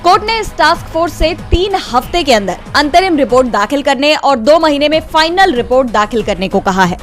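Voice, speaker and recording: A woman with a high-pitched voice narrates a scripted news report. She speaks as a reporter in voice-over, with music playing faintly underneath. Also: sing-song, brisk. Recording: music bed behind the voice.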